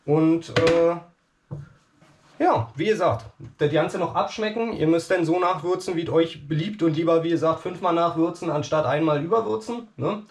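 This cooking show host, a man in his thirties, speaks at a moderate pace in a slightly high voice. Working away in his small kitchen, he keeps up a chatty stream of talk packed with fillers, recorded by a camera microphone placed across the room for his casual home video.

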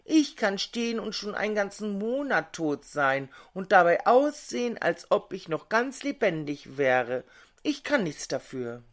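A woman's voice: mid-range voice, big pitch swings, unhurried. A woman voicing a meek moss that speaks apologetically in a fairy tale. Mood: apologetic. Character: resigned moss, meek and plain.

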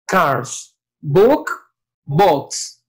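A woman's voice: low-pitched, big pitch swings, extremely slow. A woman acting as learner in a beginner English lesson, asking clarifying questions and checking her understanding aloud. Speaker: co-teacher playing the learner.

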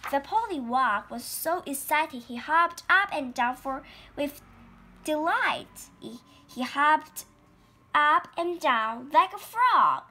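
A woman reading a children's story aloud, repeating key words slowly for learners. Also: sits high, animated, pushed and bright.

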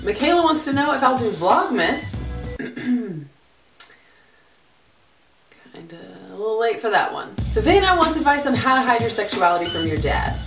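A woman's voice: a little high, very animated, normal speed, long pauses, reverberant, far from the mic, faint music behind. A woman hosting a casual question-and-answer vlog, blunt and sarcastic, swearing freely. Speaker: vlogger.

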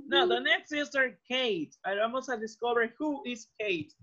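Over a dull, lo-fi video call, a Spanish-speaking man teaches children English in a very high, pushed, bright voice, speaking a little slowly. He encourages them, repeats every phrase, and translates it, switching between English and Spanish throughout the online class.

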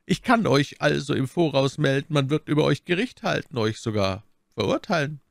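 A man putting on a stern old cardinal in a storybook reading, his voice lifted well above the reader's own and rough with gravel. He speaks slowly and deliberately, with a cold, commanding menace, in a dry, close sound. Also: a little high, big pitch swings, no echo, voice pushed up, full character voice. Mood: stern, imperious. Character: stern, imperious older male cardinal. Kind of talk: audiobook character voice.

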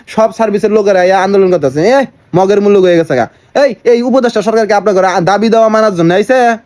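A man's voice: high-pitched, darkish tone. Guy, mocking angry vlog rant. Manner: scornful, mocking, ranting. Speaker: vlogger. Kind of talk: angry political rant to camera.

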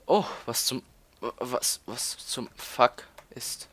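Speaking slowly with lively intonation in a medium, fairly bright voice, an Austrian teenage boy provides casual commentary as he plays a game. Full of fillers, his talk stalls and repeats words as he goes.

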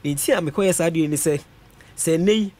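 This young Ghanaian man has a slightly high, dark voice and talks fast. He's a parliamentary aspirant interviewed in a radio studio, switching between Twi and English and listing vote figures into a boom-mounted studio mic.

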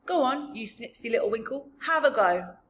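A woman voicing a huge, very old, gentle male giant from a storybook, with mangled grammar and invented words. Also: a little high, animated, moderate pace. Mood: disgusted, insistent. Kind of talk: storybook character voice.

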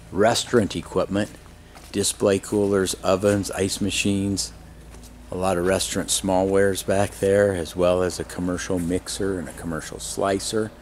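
An auctioneer gives an unscripted, easygoing walk-around to promote a sale, starting in a large warehouse showroom and moving to an outdoor lot. His voice is low and a little mellow. It was recorded as camcorder audio on a handheld camera mic, operator behind the camera, with faint background noise.

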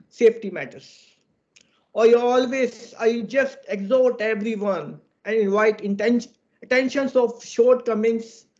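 A man's voice: extremely high pitch, a little mellow, highs cut off. A man with an Indian English accent giving a formal, earnest webinar presentation, heard through screen-recorded video call audio. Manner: earnest and exhorting, fond of idioms. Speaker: webinar presenter on electrical safety.

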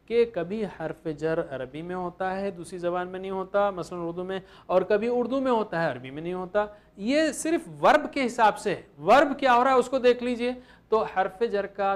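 A man teaching grammar in a lecture, patiently repeating each example step by step. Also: high voice. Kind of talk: classroom lecture.

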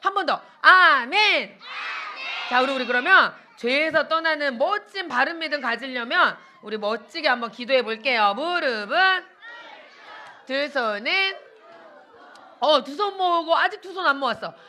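Bright high-voiced woman preaching to children. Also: a little fast, few pauses, some chatter behind, a little hiss or hum. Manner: animated, talks to kids with questions and playacted quotes. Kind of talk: children's sermon. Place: church children's room with kids.

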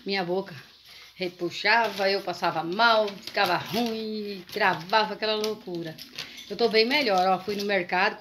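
A middle-aged Brazilian woman with a Brazilian Portuguese accent, a vlogger's mother chatting casually at home and exclaiming to the viewers. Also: medium pitch. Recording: home recording with clear background noise.

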